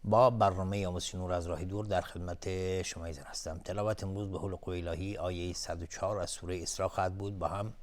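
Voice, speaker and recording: In a television studio, a low-pitched man teaches Quran recitation rules on a broadcast lesson. He explains tajweed between slow, chanted verses.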